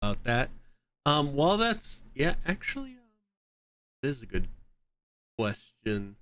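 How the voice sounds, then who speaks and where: Very lively-pitched, unhurried player asking questions. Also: no echo. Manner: curious, quick questions and laughter. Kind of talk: casual tabletop play.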